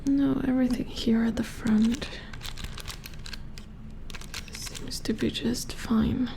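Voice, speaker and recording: In a soft-spoken ASMR roleplay, a woman plays a robot repair engineer, murmuring close to the mic in a calm, focused, methodical way. Her voice sits on the high side, slow and gravelly.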